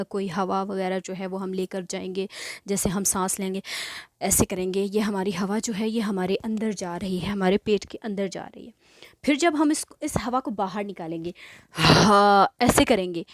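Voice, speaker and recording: A woman teaching a beginner recitation lesson, patiently drilling each sound slowly and mixing English words into her explanations. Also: mid-range voice, no echo, clean studio sound. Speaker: Quran reading teacher.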